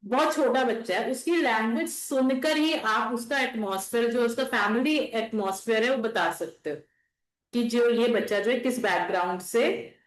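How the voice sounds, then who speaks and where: A woman's voice: fairly high pitch, moderate pace. A woman teacher giving a classroom lecture, explaining patiently and checking in with her students often. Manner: explains patiently, repeats and checks with "theek hai". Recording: echoey classroom.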